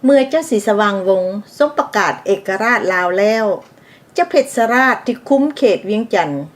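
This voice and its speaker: A woman from Laos narrating a history episode in a scripted way, pausing to explain terms and adding side remarks for the listener. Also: a little high, big pitch swings, a little hiss or hum. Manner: explanatory, adds asides for the listener.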